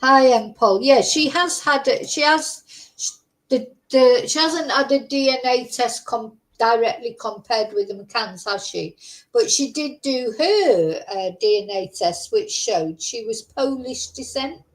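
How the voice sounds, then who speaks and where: Her voice sits on the high side and is expressive, though the audio is poor. This true crime host keeps things slow and chatty, reading news reports aloud during a live news stream and dropping in personal asides.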